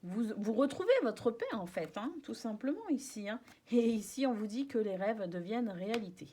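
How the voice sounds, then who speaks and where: A woman with a fairly high voice lays out tarot cards and talks her viewers through them in a casual way. She stops and restarts often and fills pauses with small hesitations. Her tone stays soft and reassuring. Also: expressive, breathy edge. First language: French. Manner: chatty, hesitant, many fillers and restarts. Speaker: tarot card reader.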